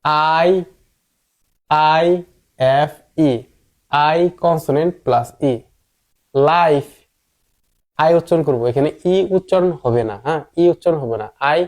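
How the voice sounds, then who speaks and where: A man teaching English reading, speaking slowly and deliberately. He repeats each word again and again in an emphatic, coaxing tone to drill it in. He sounds like an online tutor walking beginners through a lesson. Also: a little high.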